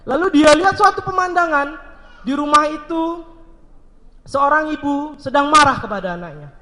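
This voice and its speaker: A man's voice: very high-pitched, moderate pace, pushed and bright, in a large hall. A man giving a motivational seminar talk, asking the audience questions and telling a story. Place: seminar hall.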